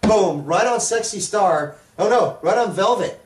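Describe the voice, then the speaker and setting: Male wrestling-review co-host, casual and jokey, slightly high voice, roomy off-mic recording. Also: animated, measured pace. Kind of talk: casual sports review chat. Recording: roomy, distant microphone.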